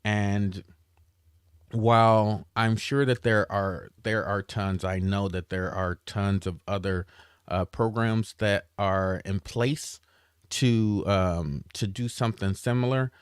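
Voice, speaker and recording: A man giving a casual update to his followers on his cybersecurity training work, halting often with fillers and restarts. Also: lowish voice, fairly even intonation, clean tone, no room sound, studio quality.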